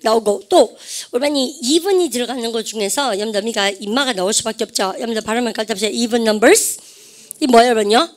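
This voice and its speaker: A woman's voice: on the high side, racing. A woman English teacher lecturing exam students on vocabulary, often asking the class questions and having them repeat the pronunciation. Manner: calls herself ssaem, keeps asking the class questions and drilling pronunciation.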